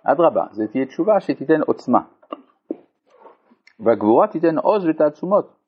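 A man's voice: fairly high pitch, sing-song, breathy edge. A man teaching a Torah lesson to a live group, reading a passage aloud and explaining it phrase by phrase. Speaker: rabbi teaching a text. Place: community study hall. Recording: dull lo-fi recording.

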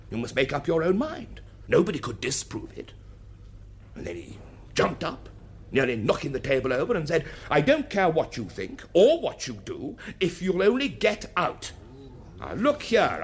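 In a radio drama, a male actor plays a blustering, evasive English aristocrat with a clipped upper-class accent and a hesitant, old-fashioned manner. His voice is medium-pitched, with a little hiss or hum in the audio.

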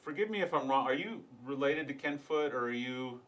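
A man's voice: mid-range voice, animated, a little fast, a bit bright. A man in his thirties hosting a podcast interview, chatty and rambling, often correcting himself. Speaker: podcast host. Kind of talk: casual interview chat.

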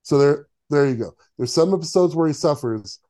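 A man's voice: on the high side, animated, fairly quick, mellow. A man co-hosting a podcast, chatting casually in a sarcastic, opinionated way with many fillers. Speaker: podcast co-host. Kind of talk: casual chat.

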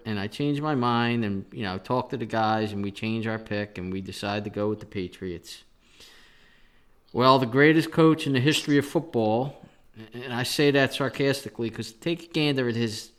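A man hosting a sports betting podcast, talking casually and venting with sarcasm as he runs through picks and stats. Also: medium pitch. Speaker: podcast host.

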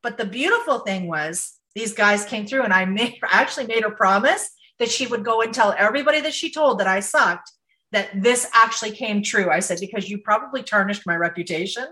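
Bright, animated woman telling a story. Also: on the high side, a little fast, low-quality recording. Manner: animated, laughs while telling stories. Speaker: psychic medium and podcast co-host. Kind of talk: casual storytelling.

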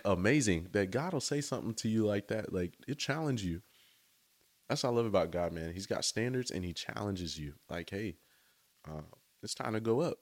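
A man giving a casual, enthusiastic devotional talk outdoors, speaking conversationally to his listeners. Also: sits low. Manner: enthusiastic, conversational, often says "right?" and "y'all". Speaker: faith speaker.

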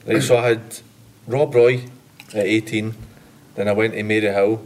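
A man's voice: on the low side, steady tone, moderate pace, darkish tone. A man with a west of Scotland Glasgow accent chatting casually, jokey, self-deprecating and sweary. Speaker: former junior footballer. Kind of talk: casual chat.

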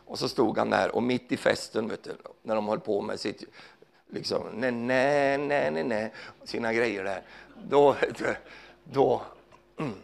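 A man preaching with fervour in a church hall, his medium-pitched voice carrying a gravelly edge. He calls out hallelujah again and again and moves from loud, pressing emphasis to quiet, hushed asides. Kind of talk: sermon.

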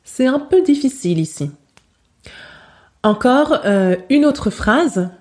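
A woman teaching spoken in a podcast lesson, saying each example slowly and carefully and repeating it for learners. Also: sits high, lively intonation, a little mellow. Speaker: French teacher.

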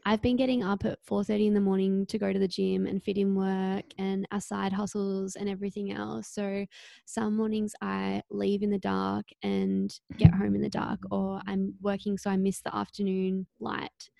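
A young woman, co-hosting a podcast and speaking in a warm, reflective way. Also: medium pitch, level tone, normal speed, vocal fry, dry recording, studio quality. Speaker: podcast co-host. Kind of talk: casual chat.

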